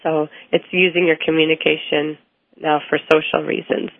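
Low flat-voiced woman on a tinny line. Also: moderate pace, creaky, no room sound. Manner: explanatory, with frequent ums and restarts. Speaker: speech language pathologist guest. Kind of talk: interview answers. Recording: tinny phone-like line, dry.

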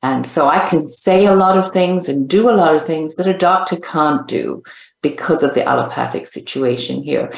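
Older woman, Zimbabwean accent, low voice, upbeat guest, echoey room. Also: moderate pace, vocal fry. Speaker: guest, senior living coach. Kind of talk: interview answers. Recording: roomy echo.

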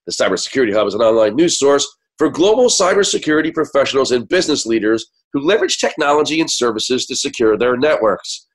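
An American man hosts a radio show in a conversational monologue. He is sick, and his voice is hoarse and keeps cracking. He carries on talking to his listeners as if nearly out of voice. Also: medium pitch, sing-song, fast.

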